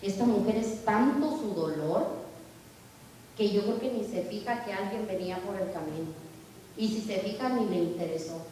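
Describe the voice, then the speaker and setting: A woman's voice: mid-range voice, normal speed, warm tone, a little hiss or hum. A woman preacher giving a sermon, calling her listeners sisters and acting out Jesus' words. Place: church hall. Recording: echoey hall recorded from far off.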